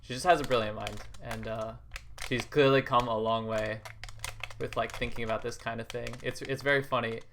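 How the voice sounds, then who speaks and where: A young man chats casually while playing a video game. He rambles and hesitates, restarts his sentences, and drifts into soft, reflective musings with quiet laughs. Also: mid-range voice, fairly even intonation, moderate pace, a little hiss or hum. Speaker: gaming video creator.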